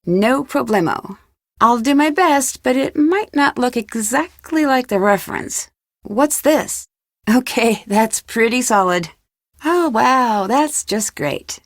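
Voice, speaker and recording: Voicing a young female amateur detective in a mystery adventure game, this young American actress speaks clearly and expressively, taking it slowly in a slightly high voice. Her mood is polite and casual while the character stays inquisitive and composed; the recording is dry, with barely any room sound.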